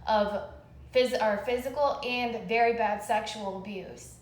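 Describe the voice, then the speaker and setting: A woman rings the police to lodge a complaint, recounting it in insistent detail in an echoey phone recording. She speaks a little slowly, with a high-ish voice and fairly even intonation.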